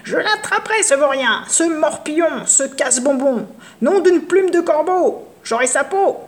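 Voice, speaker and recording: A woman voicing a cunning, spiteful old forest witch in a storybook, wheedling one moment and shrill the next. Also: lively intonation, takes it slowly. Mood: furious. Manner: wheedling and sly, then shrill and cursing. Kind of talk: storybook character voice.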